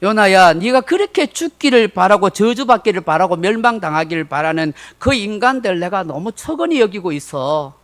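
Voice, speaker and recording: A pastor voicing God as a gentle, consoling father who coaxes a sulking prophet. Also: high voice, expressive, moderate pace, hardly any pauses. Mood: tender. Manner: soft, coaxing, reassuring.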